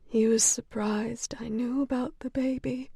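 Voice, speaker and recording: A woman's voice: high voice, lively intonation, takes it slowly, gravelly, a little mellow, dry recording, clean studio sound, voice pushed up, exaggerated voice. A woman voicing a frail, sedated young asylum patient in whispered role-play, her words faint, slurred and tearful. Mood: whispering.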